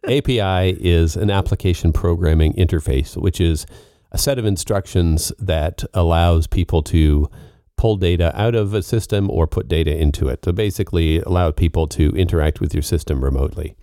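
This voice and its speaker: On a casual podcast, a male co-host with a very low, mellow voice lays out technical ideas plainly and patiently at a moderate pace. The recording is dry and close, with no room sound.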